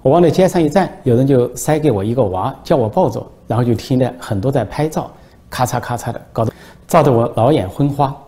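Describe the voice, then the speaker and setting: A man's voice: mid-range voice, a little fast, warm tone, pitched above the performer's own voice, close to an everyday voice. A man voicing a proud old man of seventy-eight in a told joke, blunt and dismissive. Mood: blunt, boastful.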